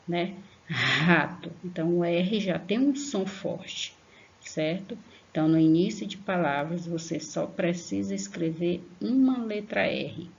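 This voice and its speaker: Low gravelly Brazilian woman teacher. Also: mellow. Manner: affectionate, tags sentences with a questioning "tá?"; slow, emphatic spelling-out of syllables. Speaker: primary school teacher. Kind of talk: online grammar lesson for children. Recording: lo-fi online class recording.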